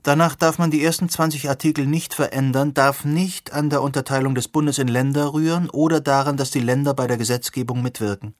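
A man voicing an excited young woman who asks eager, probing questions. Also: medium pitch, brisk, hardly any pauses, no room sound, studio quality, natural voice.

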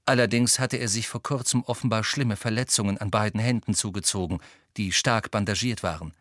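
A man reading an audiobook in measured, even scripted narration. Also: fairly low pitch, dry recording, clean studio sound.

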